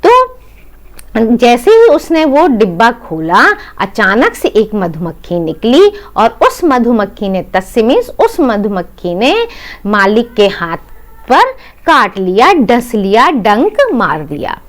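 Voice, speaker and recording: Slow, lively woman teacher explaining word by word. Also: on the high side. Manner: explains word by word, repeats meanings, checks with "है ना"; addresses students as "बेटा". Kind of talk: Hindi lesson explaining a Sanskrit text.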